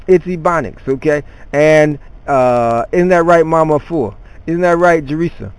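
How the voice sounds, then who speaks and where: A man's voice: a little high, moderate pace, clean tone, no echo, poor audio. A man teaching students in an online class, talking off the cuff with many fillers and restarts.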